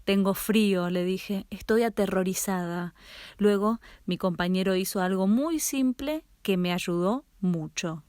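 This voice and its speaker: A woman's voice: medium pitch, a little slow, a little mellow, dry recording. Woman narrating a dramatic story, dry sound. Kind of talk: scripted first-person story narration.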